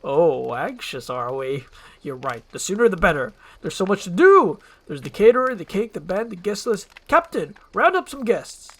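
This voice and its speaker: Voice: medium pitch, very animated, normal speed, fairly bright tone. A performer voicing a pompous, vain and scheming little male lord with a theatrical manner. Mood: gleeful.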